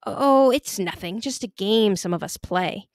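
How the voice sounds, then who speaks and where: A woman reading aloud as a blunt, sly boy who speaks slowly and teases. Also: medium pitch, animated, no echo, studio quality. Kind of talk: audiobook character reading.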